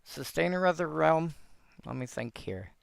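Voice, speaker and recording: A man talks slowly, with a gravelly edge under a smooth, resonant voice. He thinks aloud in a rambling way, often restarting his sentences. The sound is dry and close. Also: a little high, animated, no room sound. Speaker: host reviewing old game cards. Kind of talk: casual solo commentary.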